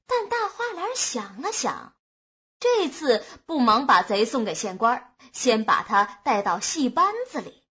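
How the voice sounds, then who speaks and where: A woman narrating a humorous folk tale in a lively, expressive storytelling manner, on a dull lo-fi recording. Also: sits high, slightly rough.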